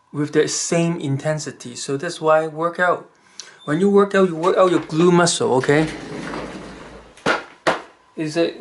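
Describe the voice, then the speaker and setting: A vlogger with a Chinese accent and a slightly high voice offers rambling, halting advice to the camera. His casual delivery is full of fillers and restarts.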